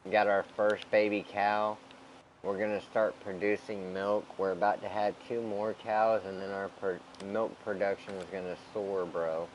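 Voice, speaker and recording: A man casually commenting on his farming game in a flat, laid-back way, often saying "bro". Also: low voice, a little hiss or hum, poor audio. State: hiccups. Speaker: gaming channel host.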